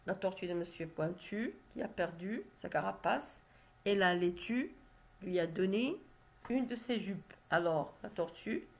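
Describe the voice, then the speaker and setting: A woman teacher walks young pupils through reading exercises, stretching out each word and syllable so they can follow. She speaks at a slow, measured pace in a mid-pitched voice, with the patient, deliberate delivery of a classroom lesson. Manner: slow, careful, spells out syllables. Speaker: primary school teacher.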